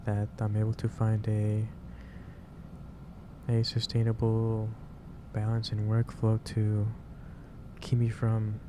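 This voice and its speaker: A male ASMR roleplay performer plays a gentle, caring office boss lecturing a tired worker in a soft-paced monologue. His low voice is completely flat, gently concerned and halting, with repeated and restarted phrases. Background hiss or ambience is clearly audible.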